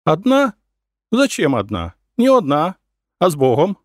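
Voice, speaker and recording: A high, sing-song peasant woman, as a man puts her on in an audiobook, drawling her folk speech with loud, lively swoops. She sounds dry and close. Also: unhurried, dry recording, exaggerated voice. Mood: chatty. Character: plain-spoken peasant woman at an inn.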